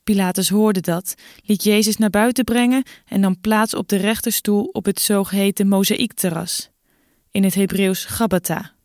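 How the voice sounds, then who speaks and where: Female narrator, measured scripted Bible reading, dry recording. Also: mid-range voice, fairly even intonation, darkish tone, dry recording.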